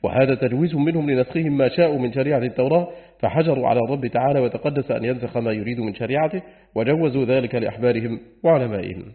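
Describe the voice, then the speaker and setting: A man reading a classical book aloud as an audiobook reader, in a steady, formal reading voice. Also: mid-range voice, very fast. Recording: tinny phone-like lo-fi sound.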